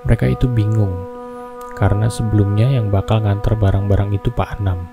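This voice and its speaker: A man's voice: lowish voice, little pitch movement, a little fast, creaky. A man hosting a horror story reading, telling it in a casual, chatty way with asides to listeners. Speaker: host reading horror stories. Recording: music bed under the voice. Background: background music.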